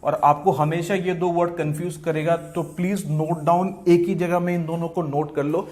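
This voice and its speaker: In a vocabulary lesson for exam prep, a man with an Indian English accent talks at a moderate pace in a fairly high, slightly mellow voice with a flat delivery. He mixes Hindi and English, repeats key words and answers, and punctuates his points with "fine" and "okay."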